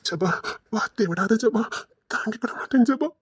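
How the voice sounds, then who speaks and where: A woman's voice: a little high, expressive, moderate pace, slightly rough, dry recording, clean studio sound. A woman playing a desperate, pleading young man. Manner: pleading, crying. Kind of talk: audio drama acting.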